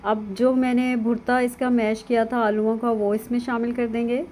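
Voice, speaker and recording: A cooking channel host, a woman, calmly narrates a step-by-step lesson as voice-over on video showing only her hands. Her voice is on the high side and moderately paced, instructive but full of fillers. There's a little hiss or hum.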